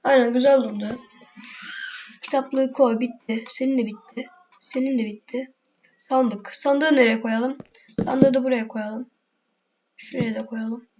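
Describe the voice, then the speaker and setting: A woman's voice: on the high side, fairly even intonation, unhurried, pauses often, dull audio. A woman giving casual gameplay commentary, chatting to herself and her viewers with sudden exasperated outbursts, in a noisy home recording. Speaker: gaming video creator.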